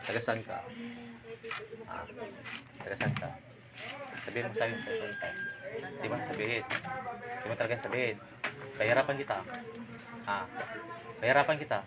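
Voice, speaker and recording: A man's voice: mid-range voice, normal speed, pauses often, heavy background noise. A man working as a folk healer, firmly and insistently questioning a spirit during a healing ritual. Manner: commanding, insistent, repeatedly prodding with "ha?".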